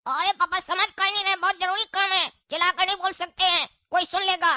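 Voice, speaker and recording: A woman's voice: extremely high pitch, little pitch movement, fairly quick, sharp tone, no room sound, studio quality, heavily acted. Woman playing a cheeky, whiny kid. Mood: nosy. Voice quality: whiny, cheeky back-talk. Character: cheeky lazy grown child of the house. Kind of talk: comedy skit acting.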